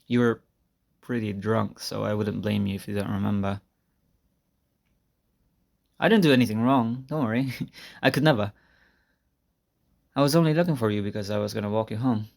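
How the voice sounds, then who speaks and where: In a gravelly voice at a moderate pace with long pauses, a man plays a bashful, nostalgic high school senior confessing softly to his crush. The intimate roleplay monologue is hesitant and conversational, dotted with sighs and little laughs, and recorded amateurishly without a real mic.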